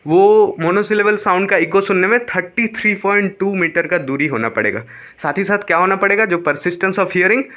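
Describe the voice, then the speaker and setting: A man's voice: high voice, bright, forceful tone. A young man teaching a physics lesson, explaining step by step, repeating key terms and mixing in English phrases. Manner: mixes English phrases into Hindi.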